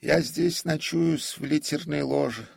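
A meek old prompter, high and husky. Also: male voice, moderate pace, darkish tone, no room sound, studio quality, exaggerated voice. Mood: apologetic. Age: older. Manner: deferential, adds a servile "-s" to words. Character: gentle elderly male theater prompter, bald, grey-bearded. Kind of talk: audiobook character voice.

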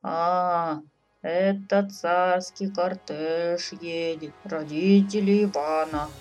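Folksy male elk, slow drawl, lowish, voiced by a woman. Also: fairly even intonation, darkish tone, faint music behind.

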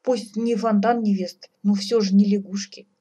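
Blustering old fairy-tale tsar, grumbling and gruff, voiced by a woman. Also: medium pitch, fairly even intonation, normal speed, mellow, voice pushed up, close to an everyday voice.

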